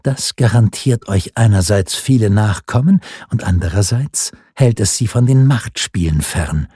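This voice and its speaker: A man's voice: on the low side, unhurried, dark tone, slightly rough, no room sound, studio quality. A man reading the part of a cold, scheming noblewoman who commands the king. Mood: insistent. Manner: commanding, insistent.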